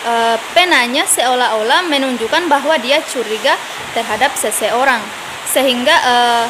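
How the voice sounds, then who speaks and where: A young woman student explaining English question tags in a class video, hesitant with frequent fillers and restarts. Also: sits high. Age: young adult. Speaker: student presenter. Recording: loud steady hiss behind voice.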